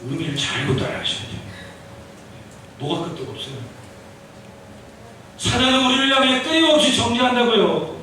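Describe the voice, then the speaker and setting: A male pastor giving an animated sermon, acting out dialogues and leading the congregation in repeating phrases. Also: very high-pitched, normal speed, pauses often, noisy background. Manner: animated, acts out dialogues with the Lord, calls for repeat-after-me. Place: church sanctuary. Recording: echoey church hall from far off.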